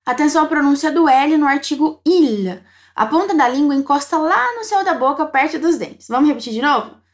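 A woman with a high voice leads an Italian lesson. She explains each phrase patiently and says the model sentences slowly so the learner can repeat them. She praises every attempt with a cheerful word. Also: expressive. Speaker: Italian teacher. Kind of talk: language lesson narration.

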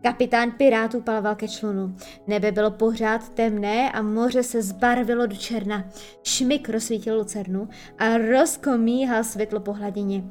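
A woman narrating a children's storybook in a lively, expressive way. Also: fairly high pitch, faint music behind. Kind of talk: storybook reading.

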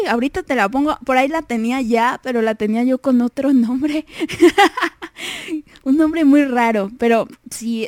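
A woman's voice: on the high side, dry recording, studio quality. Chatty Mexican woman radio host. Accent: Mexican Spanish. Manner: chatty, self-deprecating, laughs often. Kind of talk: casual chatty radio show.

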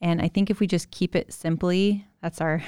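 Woman, podcast host, somewhat low voice, dry close sound, encouraging, chatty. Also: steady tone, moderate pace, clean tone, dry recording. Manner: warm, encouraging, chatty with fillers.

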